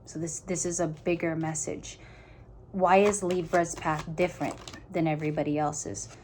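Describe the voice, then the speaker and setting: A woman with a fairly low voice talks through a tarot spread in a casual way. She muses aloud and breaks off and restarts her sentences. She speaks earnestly and directly to whoever is listening, with a faint hiss behind her. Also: steady tone, normal speed, darkish tone. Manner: musing aloud, stop-start phrasing. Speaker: tarot reader. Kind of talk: casual tarot reading to viewers.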